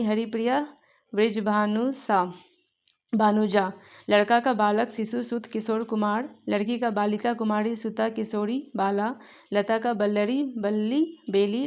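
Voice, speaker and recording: A young woman teaching an exam revision class, reading long word lists aloud with brief asides to her students. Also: on the high side. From Bihar, India. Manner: rapid listing of words, brief asides to students.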